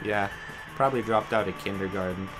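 A man's voice: on the low side, fairly even intonation, over music. A young man chatting casually and teasingly while coaching a friend through a video game. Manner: teasing, bossy, quick to laugh. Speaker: channel host coaching a friend's play. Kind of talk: casual gaming banter.

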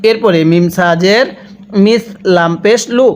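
A man with a Bangladeshi Bengali accent leads a Quran reading lesson, spelling each letter and vowel mark in turn and asking listeners to repeat after him. His voice sits high and sounds smooth and resonant. He keeps an unhurried, deliberate pace.

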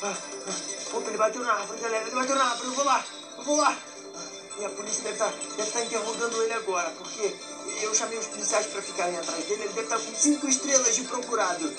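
A man with a Brazilian Portuguese accent narrates his gameplay in a high, bright-sounding register, shouting and exclaiming constantly. Loud game music plays behind him throughout. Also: quick pace, low-quality recording. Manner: excitable, frequent shouts and exclamations. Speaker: gameplay commentator. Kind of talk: excitable let's-play commentary.

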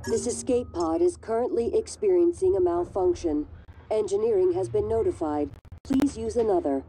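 A woman voicing a calm ship computer. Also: lowish voice, noisy background, natural voice. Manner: even, measured automated announcements. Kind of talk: video game voice acting.

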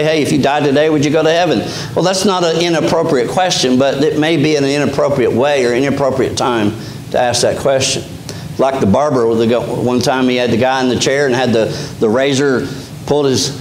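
A middle-aged man with a Kentucky mountain accent preaches in a small sanctuary, speaking in a relaxed, conversational way and often restarting his phrases. His voice sits in an ordinary middle pitch and rings off the walls of the room. A faint hum runs beneath his words. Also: roomy sound, low-quality recording. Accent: Appalachian Kentucky. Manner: conversational preaching with frequent restarts and fillers, gesturing while standing. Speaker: pastor. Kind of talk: sermon. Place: small church sanctuary, indoors.

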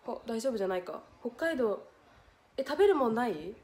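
A young idol livestreamer with a Hiroshima Japanese accent chats casually on her stream, reading out viewer comments and thanking people with frequent giggles. Her voice is fairly high, sing-song, fairly quick and a little mellow.

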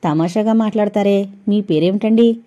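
A woman's voice: medium pitch, normal speed, mellow, close to an everyday voice. Shy earnest young man, read by a woman. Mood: bashful. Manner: hesitant, mumbling.

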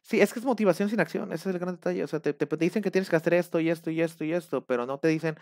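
A man with a Mexican accent talking casually on a live stream, rambling and animated. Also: on the high side, rapid-fire, no room sound, clean studio sound. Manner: rambling, animated, acts out shouted quotes.

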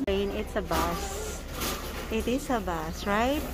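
A woman's voice: mid-range voice, expressive, slow pace. A Filipino woman in her thirties with a Filipino accent, filming a casual family vlog and coaxing her kids along in English and Tagalog. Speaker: family vlogger mother. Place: indoor shopping mall. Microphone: handheld phone camera. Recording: noisy mall recording.

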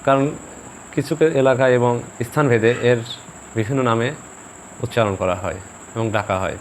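In an instructional video, a man with a mid-range voice teaches pronunciation calmly and deliberately, slowing down and repeating each example word so viewers can practice it. Crickets and other insects hum faintly in the background.

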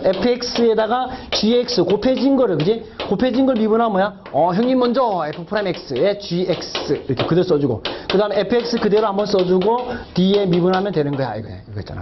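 A man's voice: high-pitched, lo-fi sound, background noise. A middle-aged man teaching a math lecture, chatty and jokey, quizzing his students with rhetorical questions as he works through problems.

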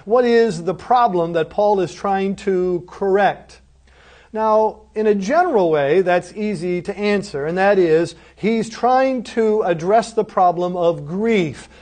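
A man's voice: sits high, takes it slowly, darkish tone. A middle-aged man lecturing on a Bible passage, explaining emphatically and asking rhetorical questions. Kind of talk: recorded course lecture.

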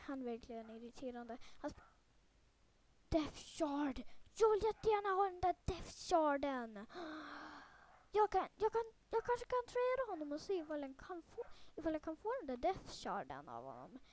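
A high, light female voice giving casual let's-play commentary over her own gameplay. She rambles with plenty of "eh" fillers and restarts. She turns excitable, almost panicky, when the game heats up. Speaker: gaming video creator.

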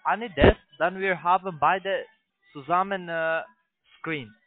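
Through a narrow, tinny phone connection comes a fairly high-voiced man with a foreign accent. He is a non-native speaker giving a sales pitch, halting often and starting his broken sentences over. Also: no echo. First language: not German. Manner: halting, broken German with repeated restarts. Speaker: phone sales agent, investment scam caller.

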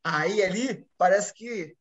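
A man's voice: sits high, highs cut off. A man from Brazil, a fighter, telling his stories in a casual interview and acting out what people said. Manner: fast, animated storytelling with acted-out quotes. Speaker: guest, MMA fighter.

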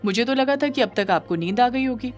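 A woman's voice: fairly high pitch, expressive, fairly quick, darkish tone, soft background music, voice pushed up, lightly acted. Woman doing a tender, teasing young woman. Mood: tender coaxing. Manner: tender, coaxing, playful.

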